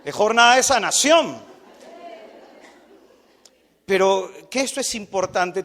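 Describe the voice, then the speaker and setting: A man with a high voice preaches with animated storytelling, slipping into the voices of the people in his tales. He addresses the women before him directly and earnestly. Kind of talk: sermon.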